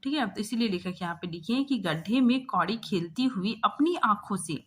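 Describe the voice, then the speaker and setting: A young woman teaching a textbook chapter, explaining line by line and often checking in with a quick tag question. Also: medium pitch, lively intonation, fairly bright tone.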